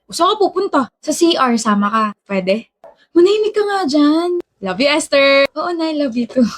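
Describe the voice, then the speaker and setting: A bantering sweetheart, quick to tease and bicker, as a woman plays the part. Her voice sits a little high. The lines come as scripted skit dialogue. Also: lively intonation. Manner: teasing, bickering back-and-forth. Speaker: skit actor.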